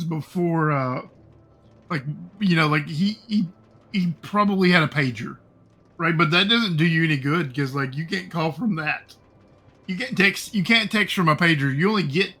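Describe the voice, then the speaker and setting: A middle-aged man streaming his game and telling a long personal story in a rambling, halting way, full of fillers and swearing. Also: a little high, pushed and bright. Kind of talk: casual storytelling while gaming.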